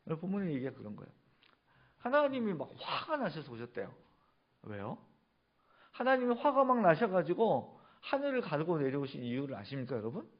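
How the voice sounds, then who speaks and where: A man's voice: a little high, wildly swooping pitch, a little fast, dull audio. A male pastor preaching a sermon, asking the congregation questions and answering them himself. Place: church sanctuary.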